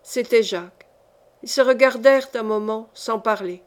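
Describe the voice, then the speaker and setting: Woman, audiobook narrator, measured storytelling, clear reading, slightly high voice. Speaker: audiobook reader.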